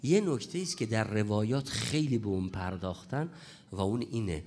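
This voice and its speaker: A man preaching a religious lecture on prayer, hoarse from a cold, emphatic and repeating his key points. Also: on the low side, expressive, a little mellow.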